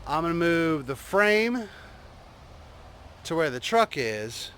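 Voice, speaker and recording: A man talking casually and unscripted to his vlog viewers, rambling and halting as he thinks, outdoors in a driveway. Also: a little high, big pitch swings, fairly bright tone, slight background noise. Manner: rambling, halting, trailing off mid-thought. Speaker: vlogger showing a truck build.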